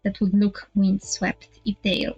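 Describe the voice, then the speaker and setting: A young woman streamer reading a visual novel aloud, halting over words and adding laughing asides. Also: mid-range voice, level tone, darkish tone, breathy edge, no room sound, lo-fi sound, soft background music.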